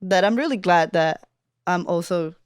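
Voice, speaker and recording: A woman's voice: on the low side, normal speed, clean tone, no echo. Chatty reflective woman, dry close sound. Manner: chatty, reflective, many fillers and restarts. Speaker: podcast co-host. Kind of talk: casual chat.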